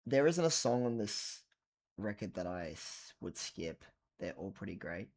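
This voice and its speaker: A man's voice: sits low, big pitch swings, unhurried, darkish tone. A tired man rambling casually about an album late at night at home, swearing now and then and trailing off into mumbles. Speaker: vlogger reviewing a record.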